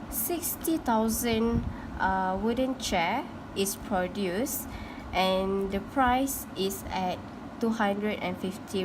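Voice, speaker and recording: A young woman, a university student, giving a class presentation on a graph, halting and restarting as she explains. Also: medium pitch. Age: young adult. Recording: noisy phone recording with hum.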